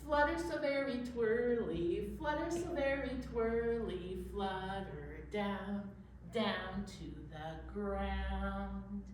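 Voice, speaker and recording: Leading young listeners through an interactive storytime with slow, sung finger play, this woman talks at a slow pace in a mid-range voice, full of encouragement and questions. A distant microphone captures her in a heavily echoing room, with a little noise underneath.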